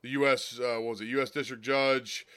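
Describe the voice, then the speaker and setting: An American man with a raspy, slightly hoarse smoker's rasp, giving blunt, folksy political commentary as a solo host. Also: medium pitch, steady tone, a little fast, bright, forceful tone. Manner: blunt, folksy, emphatic with repetition. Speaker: political talk show host.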